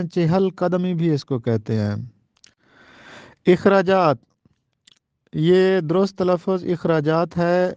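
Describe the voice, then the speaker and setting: Pakistani man giving measured Urdu lecture. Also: a little high, darkish tone, clear, resonant tone, no echo, lo-fi sound. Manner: measured, repeats words to drill pronunciation. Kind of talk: exam-prep pronunciation lecture.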